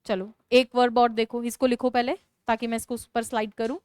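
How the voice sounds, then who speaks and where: A woman's voice: fairly high pitch, little pitch movement, brisk, a little mellow, clear, resonant tone, no echo, clean studio sound. A woman teaching English grammar to a class, dictating notes and repeating key phrases emphatically. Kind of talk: classroom lesson explaining grammar.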